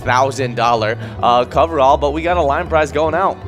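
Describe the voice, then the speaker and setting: A man's voice: medium pitch, normal speed, music in the background. A man hosting a casual live show, upbeat, laughing often and stumbling over words. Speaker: host.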